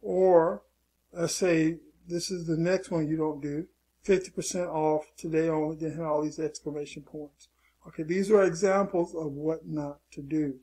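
A man's voice: fairly high pitch, fairly even intonation, normal speed, warm tone, breathy edge. A man teaching an online marketing lesson in a loose, casual way, often saying "okay" and repeating his warnings. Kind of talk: casual screen-share tutorial.

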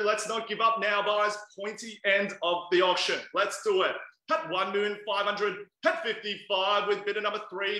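A man's voice: high voice, sharp tone. A man, calling a live property auction and coaxing buyers with repeated bid amounts. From Australia. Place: indoors by a large glass window. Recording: echoey room sound.

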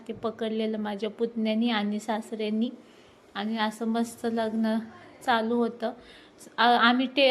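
A woman in her thirties chatting excitedly to viewers while filming a family ceremony at home on her phone. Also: a little high. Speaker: vlogger. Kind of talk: casual vlog narration. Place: at home during a family ceremony, indoors and outdoors. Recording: faint background noise.

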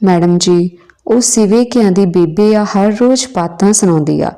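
A woman's voice: medium pitch, normal speed, mellow, close to an everyday voice. A woman voicing an earnest, cheeky young village schoolboy.

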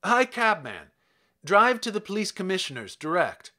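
A man's voice: sits high, huge pitch swings, moderate pace, sharp tone, exaggerated voice. A man voicing a flustered, pompous male major who barks orders in a raised, impatient voice. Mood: agitated. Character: agitated pompous male major, frantic and imperious.

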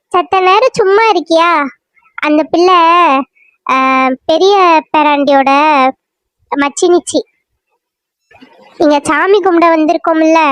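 A woman voicing a patient, soothing mother-in-law in a cartoon serial, reasoning calmly with a Kanyakumari Tamil accent. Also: very high-pitched, no echo, dull audio. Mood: impatient. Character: mother-in-law, calm, soothing visiting relative.

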